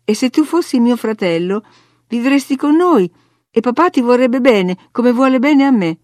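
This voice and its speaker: A woman's voice: fairly high pitch, lively intonation, normal speed, a little mellow, no room sound, studio quality, pitched above the performer's own voice, close to an everyday voice. A woman voicing a headstrong, hot-tempered young girl who speaks earnestly and indignantly, in a read-aloud story.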